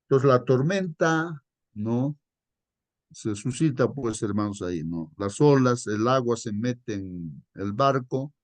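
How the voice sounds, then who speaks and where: A man's voice: mid-range voice, animated, no room sound. Man teaching a Bible lesson, dry close sound. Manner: repeats "hermanos" and "¿no?" constantly, reads verses slowly and deliberately. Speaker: Sabbath school lesson leader. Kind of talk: conversational Bible lesson to a congregation.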